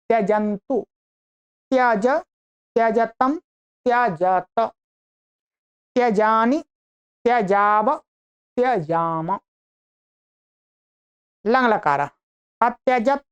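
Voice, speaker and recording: A woman teacher reciting verb conjugations slowly and evenly, one form at a time. Her voice is fairly high and smooth, with a clean, resonant tone. The recording is a bit dull and lo-fi. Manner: recites conjugations in a slow, measured list. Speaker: Sanskrit teacher. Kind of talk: online grammar lesson, reciting verb forms.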